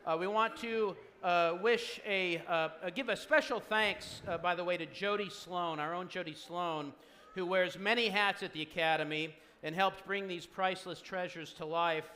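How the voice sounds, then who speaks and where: Male auction emcee, high sharp voice, halting announcements, dry humour, live event. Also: fairly even intonation, a little hiss or hum. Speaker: master of ceremonies at a fundraiser auction. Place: event hall, live before an audience.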